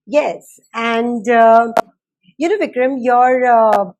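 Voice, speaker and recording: A woman with an Indian accent, hosting a formal interview in deliberate, measured phrases. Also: fairly high pitch, a little mellow, highs cut off. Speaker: talk show host.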